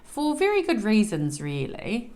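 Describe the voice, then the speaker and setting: A woman's voice: medium pitch, wildly swooping pitch, unhurried, a little mellow. A woman from New Zealand's South Island with a broad Kiwi accent, co-hosting a podcast in casual, chatty, informal talk. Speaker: co-host of a knitting and crafting podcast. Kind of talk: casual unscripted co-host chat.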